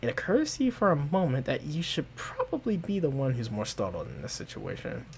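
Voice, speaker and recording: A man's voice: on the high side, huge pitch swings, brisk, vocal fry, a little hiss or hum. A man narrating a tabletop role-playing game as game master, telling the story in the second person.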